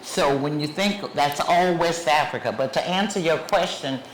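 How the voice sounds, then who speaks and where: In a museum, a low-pitched woman speaking at an ordinary pace gives an emphatic guest lecture, listing places in turn. Questions follow as part of this public talk, recorded through a clip mic tucked under her shawl amid echo and a faint background hum.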